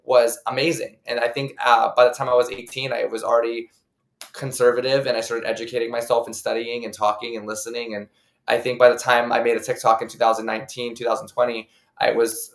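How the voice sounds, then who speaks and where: Guesting on a podcast, this twentysomething content creator from Ohio, United States, chats easily through personal anecdotes, peppering them with "like". His medium-pitched voice is gravelly, and the recording sounds roomy.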